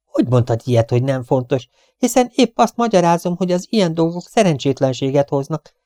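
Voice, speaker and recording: Man doing a shrill chattering cleaning woman. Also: expressive, warm tone, no echo, studio quality, close to an everyday voice. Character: fussy superstitious stout female cleaning woman.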